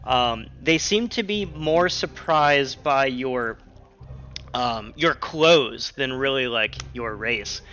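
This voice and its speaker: A man's voice: medium pitch, takes it slowly, bright, forceful tone, dull audio. A man running a tabletop game as game master, narrating casually with lots of ums and likes over an online call. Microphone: online call mic.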